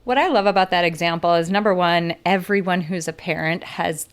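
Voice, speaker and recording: A young woman hosting a podcast, talking fast and eagerly in casual chat with her guest. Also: fairly low pitch. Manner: quick, energetic, filler-heavy talk. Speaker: podcast host.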